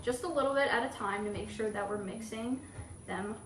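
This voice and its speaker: A woman's voice: a little high, fairly quick, far from the mic. A woman presenting a cooking show, talking through a recipe step by step in a kitchen. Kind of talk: cooking demonstration. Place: indoor kitchen. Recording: echoey kitchen, off-mic, faint noise.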